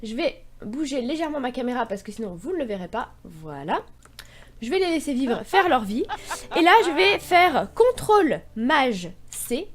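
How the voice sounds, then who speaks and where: A young woman talking casually, explaining a video game step by step like a tutorial. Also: high voice. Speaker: gaming YouTuber.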